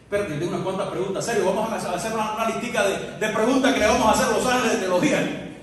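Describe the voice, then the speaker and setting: A man with a high voice preaches a sermon, dropping to near-murmurs and then rising to loud, shouted peaks as he acts out scripture scenes. The recording comes from a distance in a big church hall, with a long, roomy echo and faint background hiss. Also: very fast. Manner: acts out biblical dialogue. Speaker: pastor. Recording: echoey hall recorded from far off.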